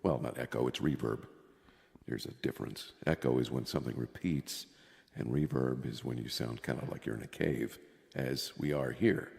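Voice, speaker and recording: A man's voice: a bass voice, normal speed, gravelly, darkish tone. A man hosting a casual chat show, talking in an easygoing, rambling way full of fillers, his voice ringing with cave-like reverb. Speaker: podcast host. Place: underground bunker room. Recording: long cavelike reverb.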